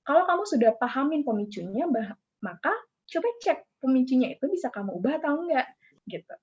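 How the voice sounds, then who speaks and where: A woman psychologist talks through practical advice in a relaxed, conversational way, with a somewhat high voice. She often closes sentences with a casual tag word. The audio is dull and lo-fi. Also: brisk, slightly rough. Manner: relaxed, informal, frequent "gitu" tag and "apa namanya" fillers. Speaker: psychologist guest. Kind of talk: casual explanatory advice talk.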